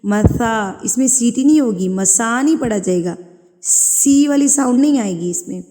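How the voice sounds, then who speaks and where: A woman teaching a tajweed lesson, slowly reciting verses and patiently repeating sounds to correct common mistakes. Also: a little high, animated, warm tone, long reverb tail.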